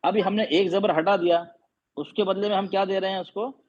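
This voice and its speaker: A male teacher with a slightly high, husky voice takes his class through each step slowly and patiently. He keeps checking that the students have understood by asking them questions again and again. The audio is muffled and lo-fi. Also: steady tone, a little mellow. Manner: patient, quizzing students repeatedly. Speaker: Quran teacher. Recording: dull lo-fi audio.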